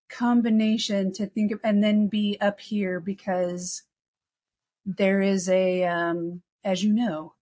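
A woman from Texas chats as a podcast guest, telling stories with quick asides and easy humor. Her voice sits at an ordinary middle pitch. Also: darkish tone. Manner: chatty, storytelling, quick asides. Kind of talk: casual conversation.

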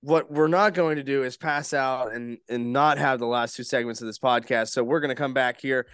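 A young man hosts a casual sports podcast, rambling along with plenty of restarts and fillers. His voice sits at an ordinary middle pitch. The sound is dry and close, with no room around it. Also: fairly even intonation, normal speed, a bit bright, clear, resonant tone, dry recording. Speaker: podcast host.

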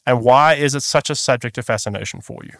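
A man's voice: mid-range voice, fast, vocal fry, fairly bright tone, no echo. A man hosting a podcast interview, asking long, chatty framing questions. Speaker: podcast host.

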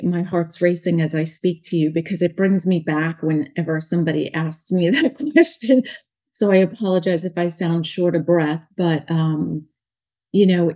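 A woman in her forties with a New York accent speaks earnestly as a life coach in a casual interview. Her voice is warm and on the low side, and she rambles and restarts her sentences.

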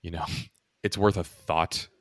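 A man's voice: low voice, steady tone, a little slow, no echo, clean studio sound. A man chatting casually and emphatically, often checking that his listener follows as he explains his point. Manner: emphatic, checking in with "right?" and "you know". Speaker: podcast co-host with software background. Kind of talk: casual conversational talk.

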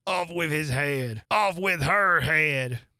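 A domineering queen barks her orders slowly and loudly, every word a command. The reader drags out the lines to play her. Dry, close recording. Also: mid-range voice, no echo. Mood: imperious. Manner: slow, loud, commanding. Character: stern furious queen, woman, domineering. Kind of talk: audiobook character voice.

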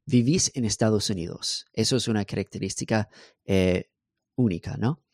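A man whose first language is English, a software engineer talking as a podcast guest in a relaxed way, with many fillers and English words slipped in. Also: on the low side, moderate pace, no echo, studio quality. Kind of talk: casual interview conversation.

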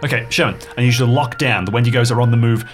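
A man's voice: lowish voice, a bit bright, soft background music, close to an everyday voice. Man playing an anxious, urgent monster hunter. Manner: halting, then commanding.

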